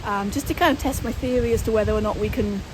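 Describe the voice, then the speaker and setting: Woman, higher-pitched, casual paranormal vlog host addressing spirits, recorded outdoors with very heavy wind noise. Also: quick pace. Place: outdoors in a windy graveyard. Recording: very noisy windy outdoor recording.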